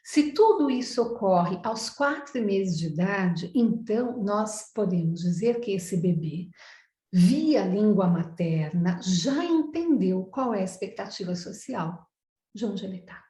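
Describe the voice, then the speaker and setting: A woman's voice: medium pitch, warm tone. Brazilian woman lecturing, roomy sound. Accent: Brazilian Portuguese. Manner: explanatory, asks and answers her own questions. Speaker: psychoanalyst lecturer. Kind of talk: online lecture to professionals. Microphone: video call.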